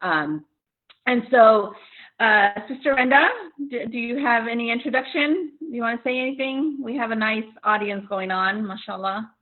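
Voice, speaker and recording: A woman's voice: fairly high pitch, moderate pace. Middle-aged woman from mexico telling her story, lots of ums and restarts, thin phone-line audio. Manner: earnest, many fillers and restarts. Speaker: podcast co-host. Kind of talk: casual chat, personal story.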